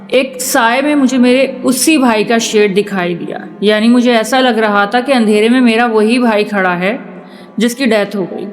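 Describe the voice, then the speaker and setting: A woman narrating a first-person horror story in an earnest, measured way. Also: fairly high pitch.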